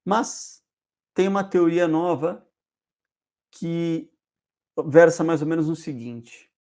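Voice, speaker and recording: A man teaches in a casual, spoken way. His voice sits a touch high and has a gravelly edge. He keeps repeating example phrases and checking in with "ok?". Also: slow, darkish tone. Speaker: hypnotherapist host.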